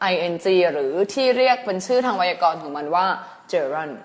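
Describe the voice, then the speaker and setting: A woman with a Thai accent, teaching an English test lesson in a chatty, animated way and mixing English terms into her explanations. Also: fairly low pitch, moderate pace. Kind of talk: TOEIC listening lesson.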